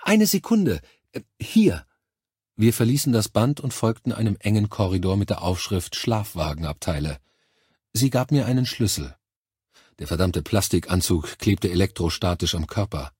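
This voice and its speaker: A male narrator reading a first-person science fiction audiobook in a calm, measured way. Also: deep voice, slightly rough, no echo, studio quality.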